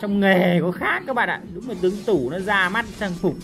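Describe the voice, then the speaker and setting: A woman commentating on her own gameplay, excitable and full of loud, repeated exclamations. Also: medium pitch, moderate pace. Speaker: game streamer. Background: game music and sound effects.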